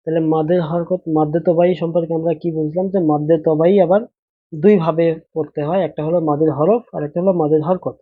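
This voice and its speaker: A man's voice: a little high, quick pace, breathy edge, no room sound. Bangla man drilling Quran letters, tinny. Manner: drills letters and vowel marks in a steady, repetitive chant; patient, explains step by step and asks rhetorical questions. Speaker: Quran reading teacher. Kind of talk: Quran recitation lesson.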